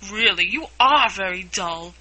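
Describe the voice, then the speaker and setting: A woman's voice: a little high, expressive, pushed and bright, exaggerated voice, low-quality recording. Woman voicing a sobbing, sighing Mock Turtle. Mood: mournful. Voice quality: slow, mournful delivery.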